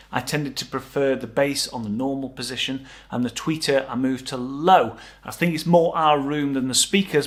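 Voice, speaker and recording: A hi-fi shop presenter and reviewer gives a product overview in a fairly bright, medium-pitched male voice. He shifts between scripted technical narration and informal, understated personal opinion.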